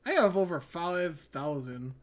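High-voiced man bantering over a game. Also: sing-song, a little slow. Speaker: gamer playing with friends. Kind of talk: casual gaming banter.

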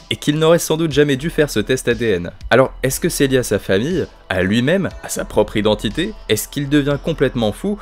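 A man giving a casual, slangy film review, talking informally with lots of fillers. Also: medium pitch.

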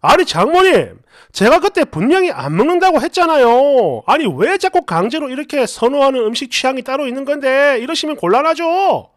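A woman's voice: a little high, big pitch swings, normal speed, no room sound, studio quality. A woman putting on a blunt, grumbling son-in-law. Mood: angry. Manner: blunt, complaining. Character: irritable man in his late thirties, a son-in-law.

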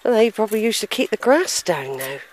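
Walking through a country churchyard with a handheld camera, this middle-aged family history vlogger stays unseen while she thinks aloud in a casual vlog. Her mid-range voice is very animated and fairly quick, even as she sighs and reads the gravestones hesitantly and musingly. There's slight background noise.

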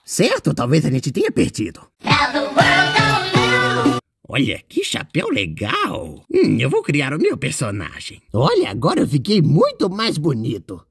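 A boastful, playful male ink demon, voiced by a fan performer commentates his own game. The voice is gravelly with a husky edge, and the pitch leaps up and down constantly. He keeps exclaiming and bragging. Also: wildly swooping pitch, a little slow, soft background music, heavily acted. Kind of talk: in-character gaming commentary.

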